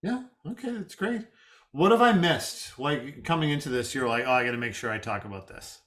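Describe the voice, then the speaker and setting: A man's voice: medium pitch, expressive, a bit bright, a little hiss or hum. A man hosting a casual podcast conversation, enthusiastic and affirming. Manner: enthusiastic, affirming, quick asides. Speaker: podcast host.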